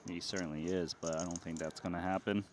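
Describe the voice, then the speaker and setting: A man's voice: low-pitched, steady tone, fast talker, a little mellow, a little hiss or hum. A man giving analytical live poker commentary in a conversational way.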